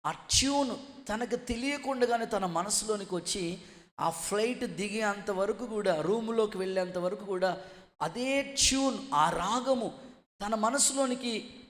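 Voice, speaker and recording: Male pastor, high voice, impassioned sermon delivery with loud peaks, long hall reverb. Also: animated, a little slow. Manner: impassioned preaching, swells to shouts, rhetorical questions.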